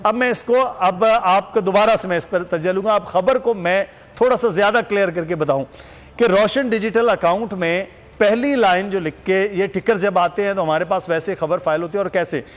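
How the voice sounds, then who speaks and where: A man's voice: high voice, normal speed, long reverb tail. A man anchoring a news talk show, explaining figures for viewers step by step.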